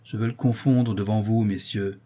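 A man's voice: lowish voice, fairly even intonation, moderate pace, warm tone, slightly rough. A man voicing a stern, furious employer who accuses his clerk harshly. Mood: stern accusing. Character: stern angry male employer, older, merciless.

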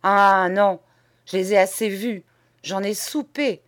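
A woman's voice: medium pitch, fairly even intonation, slow pace, lightly acted. A woman voicing a cynical, spoiled young Parisian man with a drawling Paris accent, mocking and gleeful, in an audiobook. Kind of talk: audiobook character voice.

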